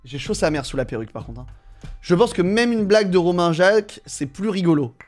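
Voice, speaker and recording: High-voiced blunt French streamer. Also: male voice, lively intonation, fairly quick, faint music behind. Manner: mocking, blunt, crude, talks to chat. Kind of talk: casual live-stream chat.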